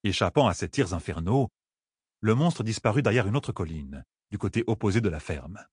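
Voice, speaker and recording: A male narrator reading fantasy fiction with a lively, widely moving delivery. His voice is slightly husky and the recording is dry and close. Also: on the low side, moderate pace, no room sound. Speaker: audiobook narrator.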